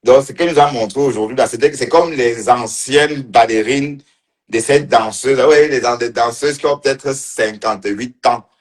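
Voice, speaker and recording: A man's voice: mid-range voice, moderate pace. A man giving casual livestream commentary, teasing and mocking as he talks, laughing often and repeating phrases. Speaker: online commentator.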